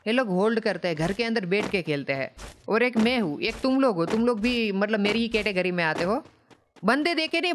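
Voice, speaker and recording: Trash-talking gamer guy, lively. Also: very high-pitched, background noise. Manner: playful trash-talk at opponents. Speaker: gaming YouTuber. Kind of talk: mobile gameplay commentary. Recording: loud game sounds behind the voice.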